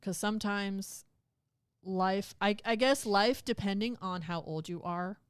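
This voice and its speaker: A woman's voice: mid-range voice, a little slow, smooth, no room sound, clean studio sound. A woman co-hosting a podcast, chatting casually and retelling a legal case in plain words. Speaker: podcast co-host. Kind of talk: casual chat.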